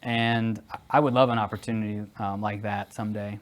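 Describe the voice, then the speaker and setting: A man's voice: fairly low pitch, a little fast. Hesitant man answering interview questions. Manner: hesitant, many fillers, then animated. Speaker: guest, security executive.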